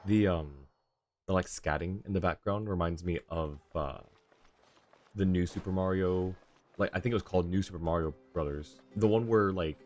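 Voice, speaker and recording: At a moderate pace, this livestream host talks in a low, darkish voice, chatting loosely and thinking aloud as he plays. Video game music and character voices run underneath.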